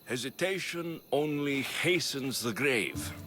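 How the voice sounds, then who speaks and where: A calm, wry male Greek warrior answers in dry, measured lines. His pitch moves in a lively way, with game music clearly behind.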